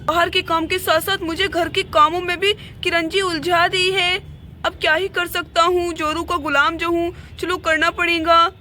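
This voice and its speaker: A woman's voice: very high voice, flat delivery, a little slow, pushed and bright, slight background noise, full character voice. A woman voicing a flustered, apologetic father and henpecked husband in a doll play, pleading with his family.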